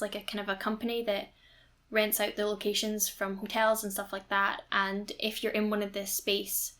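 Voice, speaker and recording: A woman's voice: medium pitch, fairly bright tone. A young woman, chatting enthusiastically over a game build video as a YouTuber. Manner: chatty and enthusiastic, rambling storytelling.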